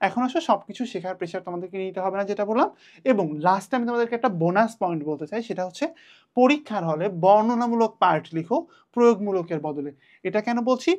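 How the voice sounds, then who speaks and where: Young male tutor; quick, repetitive, student-facing revision lesson. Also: sits high, darkish tone. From Bangladesh. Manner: chatty, addresses students directly, repeats points. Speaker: exam tutor.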